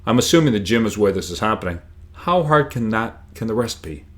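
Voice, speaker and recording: During a book reading, a man plays a carefree, cocky schoolboy who is a joker and class president, with a breezy, teasing manner. His lowish voice is expressive and fairly quick, only lightly acted.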